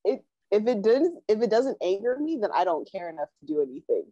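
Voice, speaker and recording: Young woman host telling a story, acts out quotes, dark mellow voice, dry close sound. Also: mid-range voice, very animated, fairly quick, dry recording. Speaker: podcast co-host. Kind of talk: casual storytelling chat. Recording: dull lo-fi sound.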